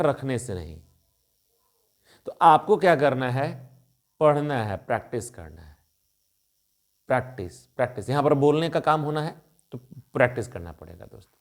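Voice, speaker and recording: Male English tutor, conversational and encouraging, mid-range voice. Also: mid-range voice. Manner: chatty, repeats a friendly term of address. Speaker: English teacher. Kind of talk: spoken English lesson.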